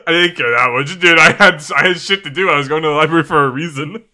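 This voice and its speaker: Brief: young male podcast co-host, bright forceful tone, giggly, loose, lots of "like" and "dude". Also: on the high side, quick pace. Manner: giggly, swears casually, says "like" and "dude" a lot. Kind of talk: casual podcast chat.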